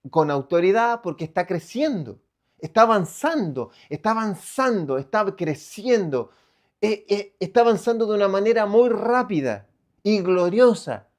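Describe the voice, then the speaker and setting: A Chilean pastor preaching with emphasis and a fairly high voice for a man. He asks his listeners questions and answers them right away, and his voice swells loud on key phrases. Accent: Chilean Spanish. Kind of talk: sermon.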